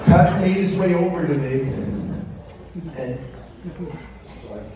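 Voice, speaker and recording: A middle-aged man delivers a father-of-the-bride speech in a strongly echoing room, picked up from a distance. His voice is slightly high for a man, and he tells his story with humor, voicing the lines people said. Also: takes it slowly, dark tone. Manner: anecdotal storytelling, acting out quoted remarks. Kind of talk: prepared humorous wedding speech. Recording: echoey room, distant mic, faint noise.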